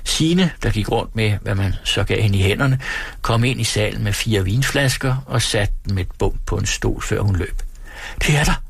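Gravelly low-voiced man reading aloud. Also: dry recording. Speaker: radio host reading aloud. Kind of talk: literary reading.

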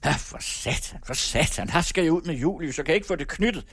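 A man's voice: fairly high pitch, animated, fairly bright tone, slightly rough, dry recording, pitched above the performer's own voice. A blustering middle-aged father grumbles and curses in exasperation, as a male reader plays him. His voice sits a little above the reader's own. The recording is dry and close. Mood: flustered.

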